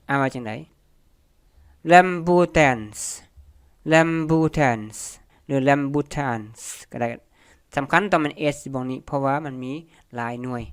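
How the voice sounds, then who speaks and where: An English teacher with a Lao accent, whose first language is Lao, gives a beginner lesson and says each English word slowly twice. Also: mid-range voice, a bit bright, smooth, dry recording, studio quality.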